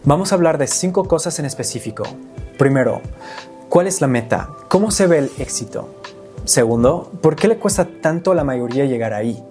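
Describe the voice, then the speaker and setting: A young man whose first language is English, hosting a scripted lesson and explaining clearly step by step. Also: on the high side, lively intonation, fairly quick, warm tone, soft background music. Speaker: language teacher and video host.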